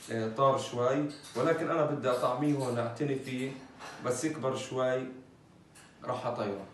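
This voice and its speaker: A man's voice: mid-range voice, recorded from a distance, a little hiss or hum. A man casually explaining a bird he is caring for, with many fillers. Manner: chatty, many fillers, talks while handling birds. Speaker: bird keeper vlogger. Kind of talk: casual informative vlog. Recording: echoey, off-mic with faint ambience.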